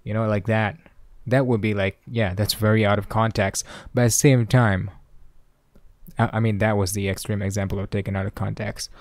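A man's voice: lowish voice, little pitch movement, moderate pace, darkish tone, dry recording. A young man hosting a casual solo podcast, rambling and swearing as he talks things through, laughing now and then. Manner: rambling, profane, laughs often. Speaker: podcast host. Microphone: desk microphone, clipping.

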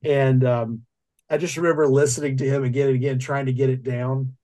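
Mellow-voiced man hosting a podcast chat. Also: medium pitch, flat delivery, a little fast. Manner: rambling, hesitant with many fillers. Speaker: podcast host. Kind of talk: casual chat.

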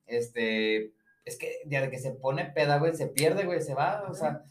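A man's voice: on the high side, expressive, a little slow, crowd noise. A man with a Mexican accent rambling through a story in casual podcast chat, with slang fillers at every turn. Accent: Mexican Spanish. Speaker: podcast co-host. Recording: echoey room.

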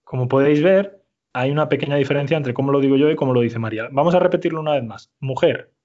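A man's voice: medium pitch, fast talker, a little mellow, dull audio. A man teaching a Spanish lesson, explaining step by step and often checking in with his listeners. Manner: explanatory, frequent "¿vale?" checks. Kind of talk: language lesson.

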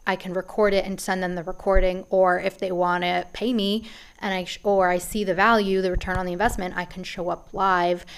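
A woman's voice: on the low side, little pitch movement, a little fast, vocal fry, clean tone. A woman hosting a podcast, talking in a casual, rambling way with many restarts, a little out of breath. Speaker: podcast host. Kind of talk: casual business podcast monologue.

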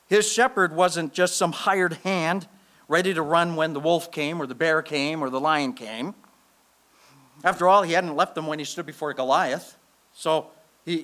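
A Canadian-accented male pastor delivers a sermon to his congregation in a church. His voice sits a bit high for a man. He slows right down to repeat key lines word by word. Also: fairly bright tone. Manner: slow emphatic repetition of key phrases. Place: church sanctuary.

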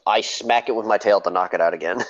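A man's voice: on the low side, fast talker. A man playing a tabletop game, joking and playful. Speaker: player. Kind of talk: casual tabletop role-play. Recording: dry, muffled lo-fi mic.

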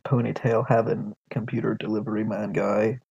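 A man's voice: on the low side, flat delivery, normal speed, vocal fry, darkish tone, slightly rough, lo-fi sound. A man co-hosting a casual chat and making wry jokes. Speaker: podcast co-host.

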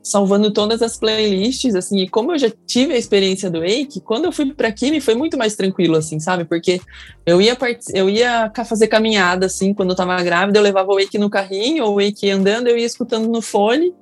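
A woman's voice: mid-range voice, brisk, dry recording, faint music behind. A young woman with a Brazilian Portuguese accent telling her birth story in casual talk, emotional and acting out the people she quotes. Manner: emotional, acts out quoted people in raised voices.

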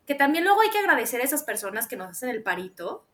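A woman with a Mexican Spanish accent co-hosts a casual podcast chat, telling stories animatedly and acting out her own quotes. Her voice is high and she talks fast.

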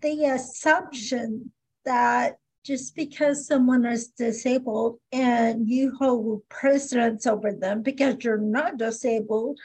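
A woman's voice: a little high, fairly even intonation, slow pace, a little mellow, husky, rough recording. A woman co-hosting a casual interview, emphatic and often laughing. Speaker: co-host.

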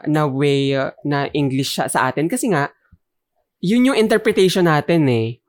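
A man's voice: on the high side, normal speed, dry recording, clean studio sound. A man with a Filipino accent co-hosting a podcast in casual chat, teasing and laughing often. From Philippines. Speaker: podcast co-host.

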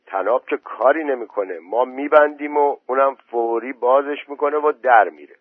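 A man's voice: medium pitch, dry recording, voice pushed up, close to an everyday voice. A man voicing a callous young village man who mocks and doubts. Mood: scornful. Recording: tinny phone-like voice message.

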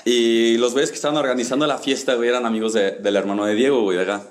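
A man's voice: medium pitch, quick pace. A young man with a Mexican accent telling a funny story to friends in casual slang. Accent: Mexican Spanish. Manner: slangy, laughing, animated storyteller. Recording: echoey room.

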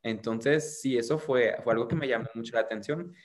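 This is a young French content creator talking as a guest in a relaxed interview, with a mid-range voice at a fairly quick clip. He wanders off track, hesitates, and keeps restarting what he's saying.

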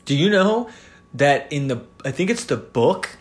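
A man's voice: on the high side, big pitch swings, unhurried. A man in his twenties co-hosting a podcast, rambling and swearing in casual chat with lots of fillers. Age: 20s. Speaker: podcast co-host.

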